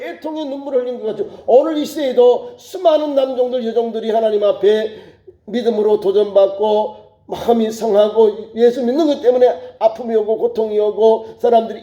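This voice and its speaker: A man's voice: very high-pitched, mellow. A male pastor preaching an emphatic sermon at a prayer meeting, acting out the quoted prayers in a raised voice. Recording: echoey church, dull lo-fi sound.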